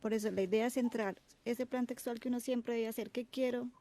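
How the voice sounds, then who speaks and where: Female guest expert, rapid earnest talker, warm, slightly higher voice. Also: steady tone. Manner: earnest, explanatory, many "o sea" fillers. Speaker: guest linguist. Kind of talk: casual chat.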